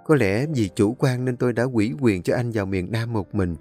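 A man reading the lines of a composed wife, calm and soft as she lays out hard facts. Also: fairly low pitch, faint music behind, natural voice. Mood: cool, explaining. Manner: calm, soft, measured explaining.

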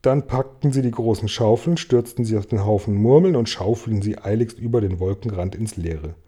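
A man reading a children's storybook aloud in a calm, measured way. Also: fairly low pitch, husky. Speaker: audiobook reader. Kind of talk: storybook narration read aloud.

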